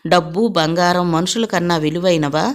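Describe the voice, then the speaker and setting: A gentle youngest daughter, quick with a reply yet soft and peacemaking, as a woman narrator puts her on. The voice is lowish and close to plain reading. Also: steady tone, lightly acted. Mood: pleading. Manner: soft, pleading, teasing.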